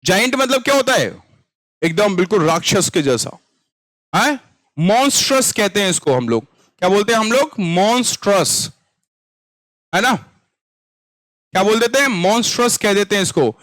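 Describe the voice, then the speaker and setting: A man's voice: high voice, sing-song, moderate pace, long pauses, fairly bright tone, dry recording. A man with an Indian accent teaching English vocabulary for exams, chatty and repeating questions to his students. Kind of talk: online exam-prep lesson.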